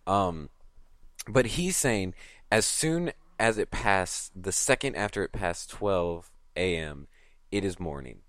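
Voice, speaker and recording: Low-voiced man in swearing podcast banter. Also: animated, slow, a bit bright, no room sound. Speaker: podcast co-host. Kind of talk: casual podcast chat.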